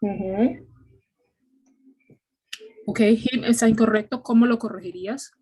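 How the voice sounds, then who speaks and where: A woman's voice: on the high side, steady tone, measured pace, warm tone, slightly rough. A woman teaching an English grammar class, explaining patiently step by step and often checking in with "ok?".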